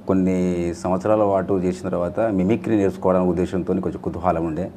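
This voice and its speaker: A man talks quickly and earnestly as a guest in a news studio. His voice sits low, and his rambling answers run together. Faint ambient noise stays in the background. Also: fairly even intonation, warm tone. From Telangana. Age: 50s. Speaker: guest mimicry artist. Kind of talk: studio interview.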